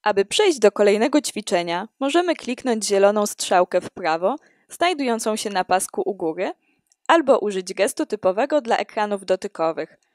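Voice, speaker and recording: A woman reading a scripted walkthrough of an app in a steady, explanatory way. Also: medium pitch, moderate pace, no echo, clean studio sound. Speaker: student presenting an app.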